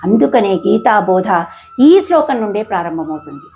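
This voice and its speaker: A woman hosting a lesson, explaining verse pronunciation slowly and carefully, syllable by syllable, with English words mixed in. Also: medium pitch, very animated, vocal fry, mellow, soft background music. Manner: mixes English words into the talk. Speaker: host and Gita teacher.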